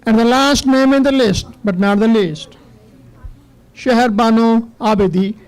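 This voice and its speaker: A man's voice: very high voice, unhurried, a little mellow, clean tone, rough recording. A man hosting a school prize ceremony, announcing informally and encouraging with short repeated phrases.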